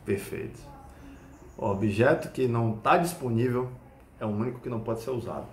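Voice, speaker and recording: A Brazilian Portuguese-accented man, a Krav Maga instructor, explains self-defense through a lively personal anecdote. He keeps pausing to check that the listener understands. His mid-pitched voice carries a noticeable room echo. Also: a little hiss or hum. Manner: animated storytelling with frequent checking questions. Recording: echoey room.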